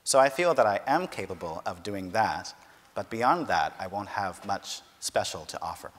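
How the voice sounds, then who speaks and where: A man interpreting a talk consecutively, in steady and careful formal phrasing. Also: fairly low pitch, normal speed. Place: large university lecture hall. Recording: long hall reverb.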